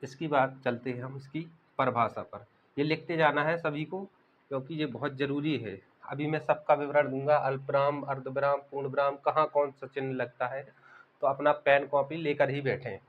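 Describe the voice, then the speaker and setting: A man's voice: mid-range voice, flat delivery, moderate pace. A young man teaching an online exam-prep grammar lesson. He repeats key words and keeps asking the class rhetorical questions. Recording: dull lo-fi recording.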